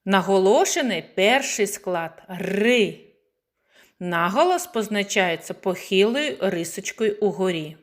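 A woman preschool teacher giving a slow, clearly spoken lesson to young children, stretching words into syllables. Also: medium pitch, expressive.

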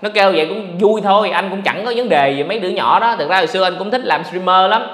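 A man hosting a casual livestream podcast, talking in an animated, ranting way to his viewers. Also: high-pitched, fast talker. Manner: animated, ranting, mocks others in put-on voices. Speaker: podcast host. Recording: echoey room with long reverb.

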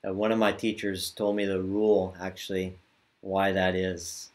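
A man teaching yoga mantra chanting over a video call, drawing out the chants slowly and talking more quickly between them. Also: deep voice, little pitch movement. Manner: slow drawn-out chanting, quicker casual asides.

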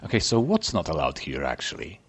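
A man's voice: very deep voice, wildly swooping pitch, brisk, slightly rough. A man casually commenting on his gameplay, chatty and playful, often dropping to a whisper. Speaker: let's play gamer.

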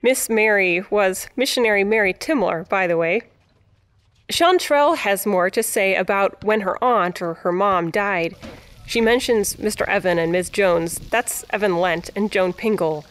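A woman giving scripted documentary narration in a measured, even delivery. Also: medium pitch. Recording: faint music behind.

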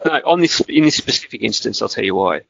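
A man co-hosts a casual Australian football podcast, speaking quickly in a fairly low, expressive, creaky voice. He's hesitant and rambling, with many restarts. The lo-fi recording is dull and dry with no echo.

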